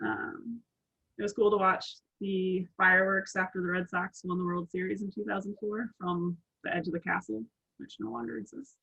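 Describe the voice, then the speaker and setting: A woman's voice: medium pitch, steady tone, normal speed, vocal fry, a bit bright, husky, dull audio. A woman, an alumna, fondly reminiscing about her college years in a casual interview. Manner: fond, reminiscing. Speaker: alumna guest.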